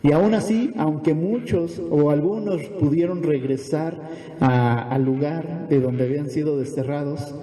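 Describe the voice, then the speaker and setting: A man's voice: on the high side, measured pace, dark tone. A man preaching a sermon as pastor, asking rhetorical questions and tagging on "¿verdad?", recorded in a church hall.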